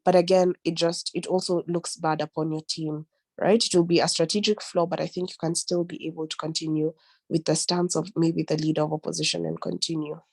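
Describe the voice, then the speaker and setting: A woman's voice: low voice, little pitch movement, brisk, gravelly, darkish tone. A woman answering questions in an online debate judging workshop, explaining step by step and often checking in with "right?". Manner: explanatory, frequent tag "right?".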